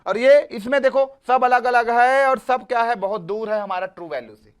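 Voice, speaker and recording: High-voiced coaxing male teacher. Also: moderate pace, clear, resonant tone. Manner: repetitive, coaxing, calls students "beta". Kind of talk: exam-prep lecture.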